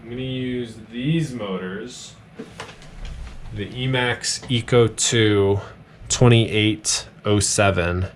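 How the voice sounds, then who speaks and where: A man's voice: fairly low pitch, a little hiss or hum. A man chatting casually on a live stream while building drones, rambling with fillers, his voice tired from hours of talking. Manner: relaxed, rambling, many fillers and pauses. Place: home workbench.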